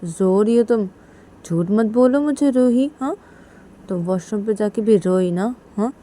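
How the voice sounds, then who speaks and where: A woman's voice: medium pitch, unhurried, dark tone. A woman voicing an anxious young woman who keeps coaxing her crying partner with repeated questions. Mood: pleading.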